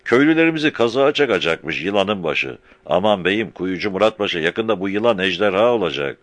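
A man voicing an anxious, fawning middle-aged village agha who talks loudly and fretfully. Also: low-pitched, expressive, fairly quick, no echo, voice pushed up. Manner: loud, fretful and wheedling. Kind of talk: audiobook character voice.

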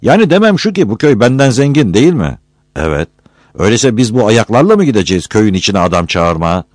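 A man voicing a poor, quick-tempered young villager who answers back scornfully. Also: fairly low pitch, sing-song, darkish tone, dry recording, clean studio sound, voice pushed up. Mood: defiant. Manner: brash, scornful.

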